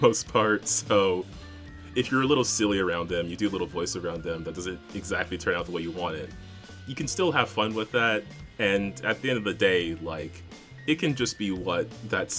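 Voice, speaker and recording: A man's voice: deep voice, a bit bright. A man co-hosting a podcast, chatting casually about running tabletop games, rambling with lots of fillers and frequent laughs. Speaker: podcast co-host and game master. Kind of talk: casual chat.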